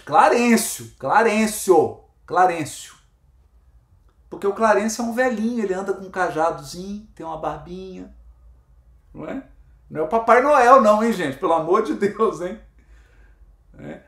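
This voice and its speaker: A man's voice: high-pitched, reverberant. A man leading a spiritist book study, emphatic and repetitive, asking his listeners questions. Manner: emphatic, repeats himself, asks the audience questions.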